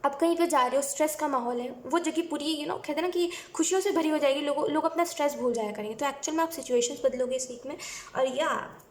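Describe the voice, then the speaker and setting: A woman's voice: high voice, fast, reverberant. A woman doing a weekly tarot reading, talking to viewers in a chatty, advising way and often mixing in English phrases. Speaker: tarot reader.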